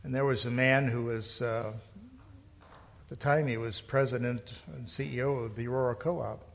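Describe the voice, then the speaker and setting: A man's voice: medium pitch, fairly even intonation, moderate pace, gravelly. A middle-aged male pastor preaching a sermon in a conversational storytelling way, rising to emphatic points. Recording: long hall reverb.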